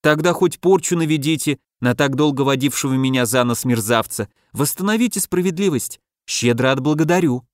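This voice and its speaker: A man's voice: medium pitch, fairly quick, few pauses, dry recording, clean studio sound, lightly acted. A man reading the lines of a bitter, scorned woman seeking revenge in an audiobook, in a pleading tone. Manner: pleading, then disappointed.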